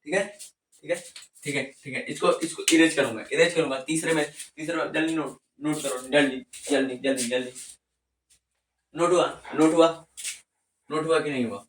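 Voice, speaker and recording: A man's voice: on the high side, steady tone, normal speed, pauses often, a little hiss or hum. A male chemistry teacher teaching mnemonics at a board, repeating phrases again and again and coaxing students to follow. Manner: repetitive, coaxing, drills phrases over and over. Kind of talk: classroom lesson with mnemonics at a board. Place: classroom with a board. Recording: echoey room, voice from a distance.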